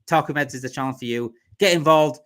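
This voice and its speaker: A chatty man from Yorkshire, England, hosts a casual livestream in a fast, medium-pitched, fairly bright voice. He rambles, repeats himself, and reads out viewer comments.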